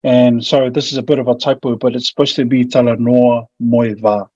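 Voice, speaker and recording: A man's voice: medium pitch, little pitch movement, fairly quick, mellow, slightly rough. A man with a broad New Zealand accent giving an informal, slightly hesitant online presentation. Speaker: presenter, family violence mediator. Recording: muffled, echoey room audio.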